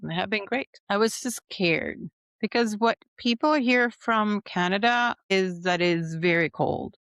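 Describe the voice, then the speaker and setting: Lady telling stories on a podcast, lively and chatty, dry sound, mid pitch. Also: a little slow, clean tone, no room sound. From Venezuela. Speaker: guest. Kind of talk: storytelling in a podcast interview.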